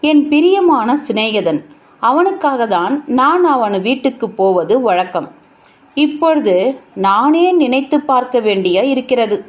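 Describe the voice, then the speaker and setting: A woman reading a translated short story aloud, unhurried and sorrowful, with emphatic pauses. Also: a little high, lively intonation.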